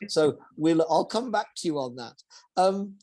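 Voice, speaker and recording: A man hosts a relaxed interview, friendly in tone. He stops and restarts often as he works out his questions. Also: a little high, unhurried. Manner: hesitant, many restarts, friendly. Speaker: podcast host. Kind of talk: conversational interview.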